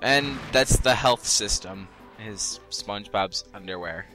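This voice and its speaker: A man's voice: fairly low pitch, bright, forceful tone, faint music behind. A young man joking playfully while casually commenting on a video game he plays. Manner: joking, playful, quick asides. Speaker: let's play co-host.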